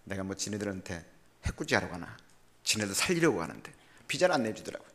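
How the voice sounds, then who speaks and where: Older male missionary preacher; bright, forceful voice, jokey storytelling sermon with big dynamic swings. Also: fairly low pitch, fast talker. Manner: animated and humorous, voice swinging from loud to quiet. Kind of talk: sermon with personal stories.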